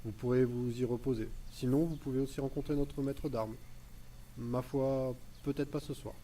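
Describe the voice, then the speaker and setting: A polite, formal village chief in a fantasy game, voiced by a man. He speaks at an ordinary pitch, and his voice comes from some distance, with faint noise in the mix. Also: steady tone, moderate pace, dark tone, natural voice. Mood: welcoming. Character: courteous village chief, middle-aged man.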